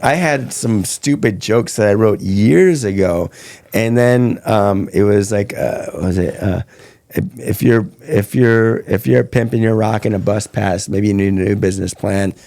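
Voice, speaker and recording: A man's voice: lowish voice, measured pace, creaky, darkish tone, dry recording. A man who teaches comedy, chatting casually in a podcast conversation and rambling through his stories. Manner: chatty storyteller, loose and rambling.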